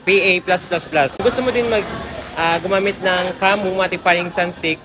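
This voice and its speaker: A man's voice: fairly even intonation, normal speed. A man casually promoting a skincare product to his viewers, recorded on a phone inside a shopping mall. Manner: chatty, upbeat sales pitch to viewers. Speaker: product reviewer. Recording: noisy mall ambience behind.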